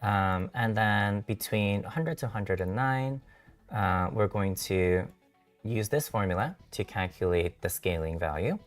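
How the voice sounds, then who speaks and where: A man who is a software engineer, hosting a tutorial stream and explaining code step by step, halting with many fillers and self-corrections, his voice a little worn. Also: fairly low pitch, far from the mic, soft background music. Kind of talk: live-coding tutorial walkthrough.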